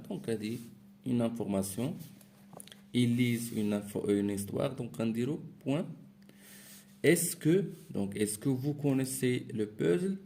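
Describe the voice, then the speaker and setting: A man explains French grammar exercises at a slow, deliberate pace. His voice is dark and gravelly, and he keeps repeating phrases as he goes. A faint hum sits under the recording. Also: mid-range voice. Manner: slow, repeats phrases, mixes French with Moroccan Arabic words. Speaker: teacher. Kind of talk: grammar lesson walkthrough.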